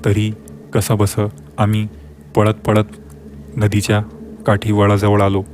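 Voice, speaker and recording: A man reading a scripted horror story aloud as a storyteller, in an even, steady manner. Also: lowish voice, slow pace, a little hiss or hum.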